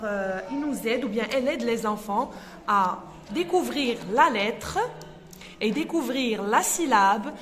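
A woman with Arabic as her native language hosts a reading tutorial for young children, hesitating with fillers and sounding out syllables slowly. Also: on the high side, in a large hall, slight background noise. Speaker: host and teacher.

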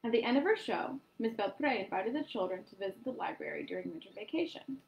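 A woman storyteller reading a picture book aloud to children in an animated way. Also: medium pitch, normal speed, gravelly, lo-fi sound. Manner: animated, addresses young listeners.

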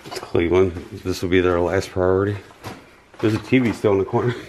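A man in his thirties exploring an abandoned basement, making relaxed, impressed remarks from a distance. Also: deep voice, brisk, a little hiss or hum. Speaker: filming companion. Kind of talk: casual exploring chat.

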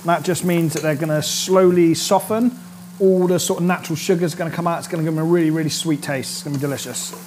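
With a pan sizzling and frying nearby, this thirty-something cooking show host runs a relaxed demonstration in a studio kitchen, upbeat and talkative and often asking viewers "all right?" His slightly high, slightly mellow voice moves fast with fairly even intonation. A little hiss or hum is audible.

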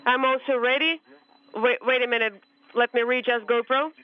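A man on a space-to-ground radio link, giving brisk, terse call-and-response procedure talk. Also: very high voice, steady tone. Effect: crackly space-to-ground radio link. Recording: muffled noisy radio feed.

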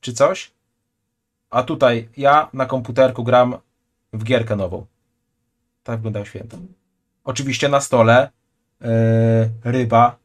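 Wearing a headset in a small room at home, a man in his twenties reacts to a video on a live stream. He jokes around and chats loosely in a medium-pitched voice.

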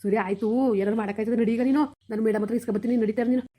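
A woman acting as a poor village father, anxious and blunt, begging the doctor and snapping at his wife. The words pour out very fast in a flat, dark tone, with hardly any rise and fall, in this homemade skit. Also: on the high side, natural voice. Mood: gruff. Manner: rapid pleading to the doctor, gruff with wife.

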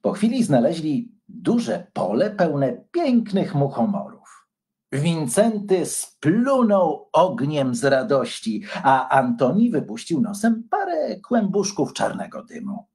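A man reading a children's story aloud in an expressive, animated storytelling style. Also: fairly high pitch. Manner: animated and unhurried.

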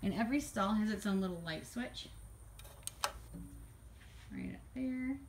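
A woman giving a casual walkthrough of her horse barn on a handheld phone, chatty and quick to laugh as she points things out. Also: medium pitch, lively intonation, background noise. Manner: chatty, laughs often, lists items as she goes. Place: horse barn, paddock and tack room, in and out of doors. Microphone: handheld phone camera.

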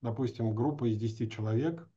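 This animation teacher, a man in his forties, speaks with a husky, dark, mid-range voice and a quick pace. He's being interviewed over a video call indoors at home or office, musing aloud in loose, slangy language, and the sound comes through dull and lo-fi.

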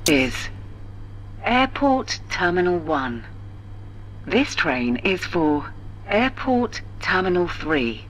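A woman voicing an automated onboard train announcement, calm, measured and formal. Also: on the low side, background noise. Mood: announcing.

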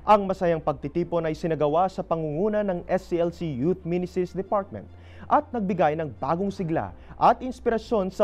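A young man anchoring a studio newscast, reading a crisp, formal script. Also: a little high, a little mellow. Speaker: news anchor. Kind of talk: scripted news intro.

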